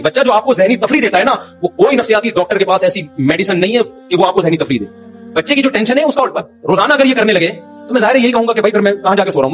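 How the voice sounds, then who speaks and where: A middle-aged male cleric delivers an informal religious talk at a quick clip, his voice sitting high. He tells funny anecdotes and chuckles through them, with faint music underneath. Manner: humorous, anecdotal, chuckles while telling stories. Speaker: Islamic cleric giving a talk.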